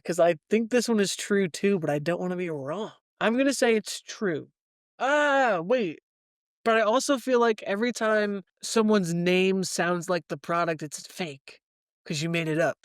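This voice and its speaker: High-voiced man guessing aloud, dry. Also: unhurried, no room sound. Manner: quizzical, thinks aloud before deciding. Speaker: co-host. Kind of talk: casual podcast chat, guessing game.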